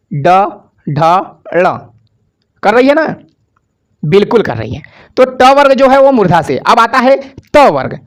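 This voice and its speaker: A male teacher giving a grammar lesson for exam preparation, asking questions and answering them himself, and having students repeat sounds after him. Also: high voice.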